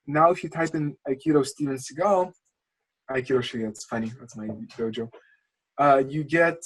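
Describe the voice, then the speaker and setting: Heard through a rough recording, a channel coach speaks in a slightly high voice with a breathy edge. The Lithuanian man, a non-native English speaker, rambles passionately through a casual screen-share coaching call, often restarting.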